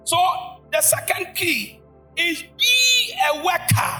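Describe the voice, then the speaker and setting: A man preaching in church with a strikingly high, bright and piercing voice. He shouts his points and keeps calling out to the congregation for answers. Faint music plays behind him. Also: expressive, takes it slowly. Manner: shouting, call-and-response preaching. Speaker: pastor. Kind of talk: sermon. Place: church service.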